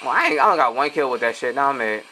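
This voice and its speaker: A man's voice: mid-range voice, very fast, slight background noise. A young man, trash-talking his teammates while commenting on his own gameplay. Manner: excitable, profane trash talk. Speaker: gamer.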